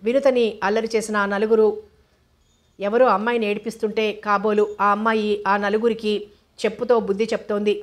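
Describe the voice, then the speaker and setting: A woman narrating an audiobook novel in a steady, unhurried reading. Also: mid-range voice.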